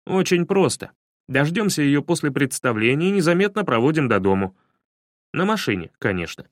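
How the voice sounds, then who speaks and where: A man's voice: a little high, big pitch swings, moderate pace, dry recording, studio quality. A man voicing a bold, skeptical young man who gives orders scornfully. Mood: confident. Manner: commanding, scornful.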